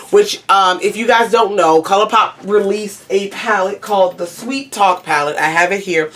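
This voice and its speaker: A woman's voice: fairly low pitch, a bit bright, a little hiss or hum. A woman giving a casual makeup review to camera, rambling and often doubling back to repeat herself. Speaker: beauty reviewer.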